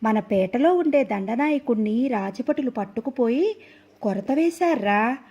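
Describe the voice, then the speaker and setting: Woman doing a worried old mother, slow and pleading. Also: a little high, expressive, warm tone, husky, highs cut off, exaggerated voice. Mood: anxious coaxing.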